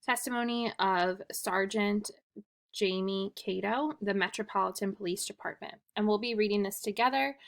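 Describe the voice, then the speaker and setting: A woman's voice: medium pitch, gravelly, a bit bright. A woman teacher reading a witness statement aloud to her class, plainly and evenly, with occasional restarts.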